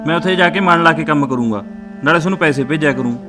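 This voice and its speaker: An actor voicing a young Punjabi man about to leave home, talking fast in a high voice to calm his tearful family. Music plays clearly behind him. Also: natural voice. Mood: reassuring. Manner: quick, soothing reassurance. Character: young man reassuring family before going abroad. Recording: music playing under dialogue.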